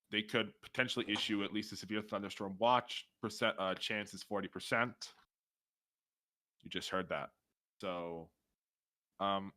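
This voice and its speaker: A man's voice: lowish voice, pushed and bright, no echo. A man hosting live weather commentary on a storm stream, hesitant with many fillers and restarts.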